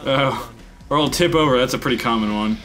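A man's voice: mid-range voice, fairly quick, fairly bright tone, soft background music. A man who laughs often, playing a video game casually with a friend. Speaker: gamer. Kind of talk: casual co-op gameplay commentary.

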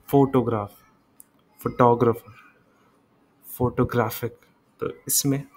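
A man's voice: mid-range voice, darkish tone, poor audio. A man giving an exam revision lecture, reading English points and explaining them in Hindi, correcting himself and repeating examples aloud. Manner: reads English slides slowly, explains quickly in Hindi. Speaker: online tutor.

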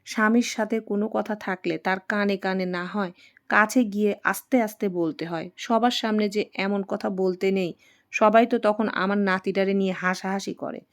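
A woman's voice: medium pitch, steady tone, normal speed, natural voice. A woman voicing a scolding old grandmother who talks in a rustic way.

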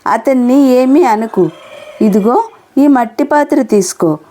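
A woman's voice: a little high, animated, slow, warm tone. A woman voicing a kind-hearted young village boy who speaks eagerly and politely. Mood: gentle.

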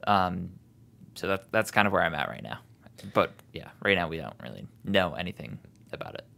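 A young man with a fairly low voice, relaxed and joking as he co-hosts a casual podcast. He talks loosely and trades quips easily. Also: moderate pace, creaky. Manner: laid-back and joking. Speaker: podcast co-host. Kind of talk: casual chat.

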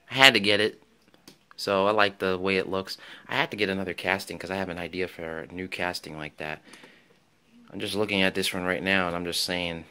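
A man's voice: low-pitched, pushed and bright, clean tone. A man casually showing off his toy car finds in a vlog, rambling and enthusiastic, with many ums and restarts. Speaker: toy car collector vlogger. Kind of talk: casual show-and-tell vlog.

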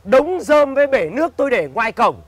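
A self-important old village man, scolding in a high, bright voice. He lectures quickly and leans on old sayings. The sound is dry and close. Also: big pitch swings, no room sound, heavily acted. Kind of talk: comedy sketch acting.

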